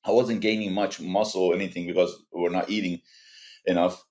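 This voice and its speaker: Low-voiced Iranian-born man telling his story. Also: fairly even intonation, a little mellow. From Iran. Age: 40s. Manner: earnest, halting, with frequent restarts. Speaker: guest. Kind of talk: personal story in a podcast interview.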